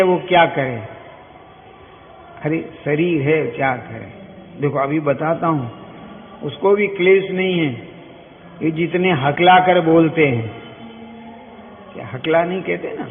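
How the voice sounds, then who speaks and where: A man with a rather high voice gives an unhurried scripture discourse, pausing to quiz his listeners with short questions. The sound is thin and phone-like, with long hall reverb and faint hiss behind him. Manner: keeps asking listeners quick questions; explains by everyday examples. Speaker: Jain scripture teacher.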